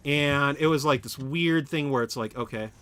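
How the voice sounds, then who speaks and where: A man with a mid-range, slightly bright, clean voice talks at a moderate pace. He's live-streaming a factory-building game, rambling casually and chatting with viewers as he builds.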